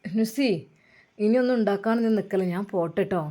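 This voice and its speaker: A woman voicing a caring, hurried young husband who speaks softly and coaxingly. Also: natural voice. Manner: soft, coaxing, lowered voice.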